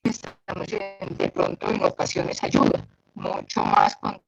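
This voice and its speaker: A woman's voice: medium pitch, wildly swooping pitch, measured pace, creaky, faint music behind. Woman doctor, choppy buffering call audio. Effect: choppy, stuttering audio breaking up over a bad connection. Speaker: doctor discussing a medical case. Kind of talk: clinical case discussion on a video call. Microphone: video call. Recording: muffled lo-fi video call audio.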